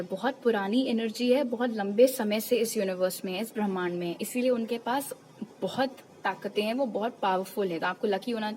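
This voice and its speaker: A woman with a fairly high voice gives a tarot reading to her viewers. She talks in a chatty, reassuring way and slips English words into her sentences. A faint hiss of background noise sits under her voice. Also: poor audio. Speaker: tarot reader.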